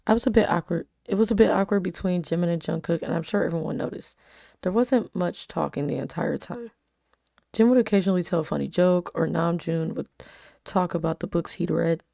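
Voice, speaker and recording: A woman's voice: on the low side, fairly quick, creaky, dark tone, no echo, studio quality. A woman reading her own old fan fiction aloud with casual asides, a little embarrassed and self-critical. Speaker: amateur author reading own old stories.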